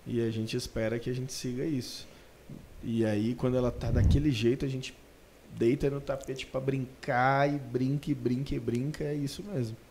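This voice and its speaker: A man hosting a relaxed podcast, mid-pitched and chatty, chiming in and joking easily. A faint hiss of noise sits under his voice. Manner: chatty, easygoing, quick to agree and joke. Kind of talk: casual podcast chat.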